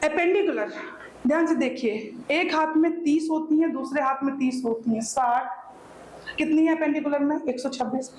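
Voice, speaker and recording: A woman's voice: high voice, moderate pace, darkish tone, a little hiss or hum. A woman teacher with a Hindi accent giving a classroom lecture, often checking that students follow and repeating answers as she points to her own body. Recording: echoey room, faint ambience.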